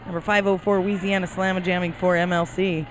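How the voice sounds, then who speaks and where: A woman's voice: fairly low pitch, little pitch movement, brisk, crowd noise, noisy background. A woman giving color commentary at a roller derby bout, chatty and upbeat, with a self-deprecating streak. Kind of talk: live sports commentary.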